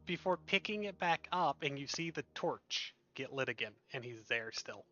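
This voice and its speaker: A man's voice: medium pitch, animated, normal speed, bright, forceful tone. A man narrating a tabletop game as game master, describing actions in a matter-of-fact way. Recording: slightly muffled stream audio. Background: faint music.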